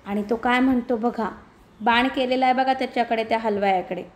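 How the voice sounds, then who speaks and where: A woman's voice: on the high side, steady tone, a little fast. A woman primary school teacher reading a textbook story aloud to her class. She asks questions, repeats the answers and gives step-by-step page instructions.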